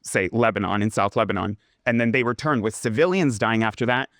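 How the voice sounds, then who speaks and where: A man's voice: lowish voice, a little fast, fairly bright tone, dry recording, studio quality. A man arguing earnestly in a debate, building up his case point by point. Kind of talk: debate argument.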